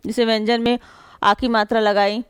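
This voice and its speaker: A woman's voice: fairly high pitch, flat delivery, fairly bright tone, clear, resonant tone, no room sound, studio quality. A woman teaching a grammar lesson, explaining step by step, checking in often with "ठीक है" and drawing out sounds to demonstrate pronunciation. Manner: explains slowly with many fillers and repeated "ठीक है" checks. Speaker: Hindi teacher.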